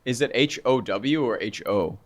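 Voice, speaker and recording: A man's voice: mid-range voice, animated, normal speed. A man from Long Island co-hosts a casual podcast in a mid-range voice that swings up and down animatedly. He is playful and teasing, and he keeps riffing on jokes. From Long Island, New York. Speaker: podcast co-host.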